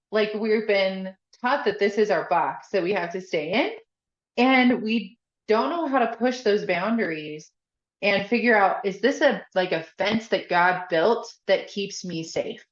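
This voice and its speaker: Chatty woman in an echoey room. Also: mid-range voice. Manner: chatty, candid, laughs often, leans on "like". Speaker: podcast guest, faith coach. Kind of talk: casual conversational interview. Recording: echoey, slightly dull podcast audio.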